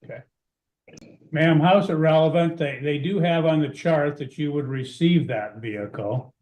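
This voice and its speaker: Judge in an echoey courtroom recording. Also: male voice, a little high, moderate pace, darkish tone. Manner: firm, interrupting to keep order. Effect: courtroom recording played back on a stream. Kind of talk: ruling in a court hearing. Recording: echoey courtroom audio from a room mic.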